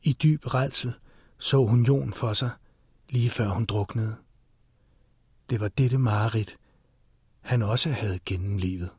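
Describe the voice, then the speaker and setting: A man reading a thriller audiobook as narrator, in steady, tense scripted narration. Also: on the low side, long pauses, husky, no echo.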